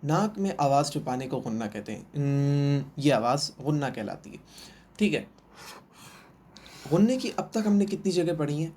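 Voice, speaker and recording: A man's voice: on the high side, big pitch swings, pauses often, darkish tone, a little hiss or hum. A man teaching Quran reading in a recorded online lesson, patiently asking questions and answering them himself, and repeating each sound three times.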